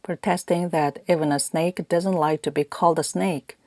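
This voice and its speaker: Woman audiobook narrator, low register, calm measured first-person reading, dry studio mic. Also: no room sound.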